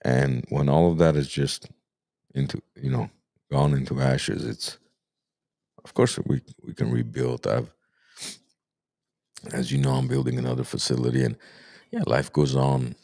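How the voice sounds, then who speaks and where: A man who owns a care home, talking through it in an earnest, halting way with heavy pauses. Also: very deep voice, very animated, gravelly, darkish tone, no echo, clean studio sound. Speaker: care home owner, podcast guest. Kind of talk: emotional conversation.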